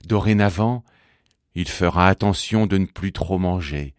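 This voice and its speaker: A man narrating a children's storybook in an expressive, singsong manner. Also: deep voice, a little slow, clean tone, no echo, studio quality.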